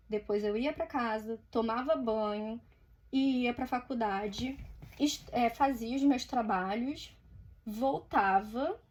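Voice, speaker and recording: A woman's voice: on the high side, a little mellow. A Brazilian woman with a Brazilian Portuguese accent who tells her story in a chatty, casual way while she draws. She swears now and then and acts out the lines she quotes. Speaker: artist vlogger.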